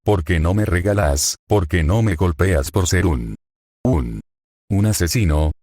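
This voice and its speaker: A man's voice: low-pitched, lively intonation, unhurried, a little mellow, dry recording, studio quality. A man voicing a crying teenage boy who is racked with guilt, reading from a fan story. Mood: pleading. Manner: reads a cue before each line.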